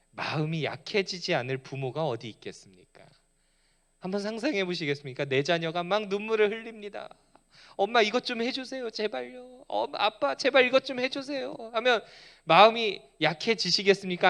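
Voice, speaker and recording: A man's voice: sits high, fairly bright tone. A male pastor preaching a Friday night sermon in a church, appealing to his congregation with rhetorical questions and earnest, emotive pleas. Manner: pleading, emotive preaching with rising intensity. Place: church sanctuary.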